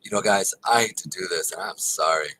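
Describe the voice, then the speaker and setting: This crypto charting analyst has a deep voice, a little fast, pushed and bright, and the audio quality is poor. Exhausted and nursing a sore throat, he delivers loose, filler-packed live chart commentary, repeatedly calling his audience "guys."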